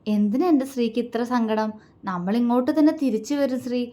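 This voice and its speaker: A woman voicing a tender young husband who speaks gently and reassuringly. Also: a little high, fairly quick, natural voice.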